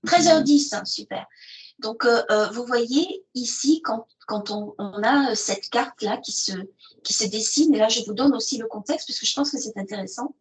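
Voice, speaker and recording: A woman presents an educational video platform's resources in a webinar with screen sharing, speaking hesitantly with many fillers. Her voice is on the high side at a moderate pace, and the recording is rough.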